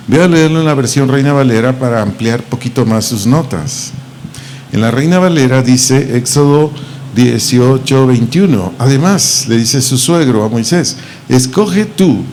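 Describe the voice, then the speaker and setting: A man with a Mexican Spanish accent, teaching a Bible lesson as pastor, slowly repeating and spelling out words. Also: medium pitch, a little mellow, a little hiss or hum. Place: church auditorium.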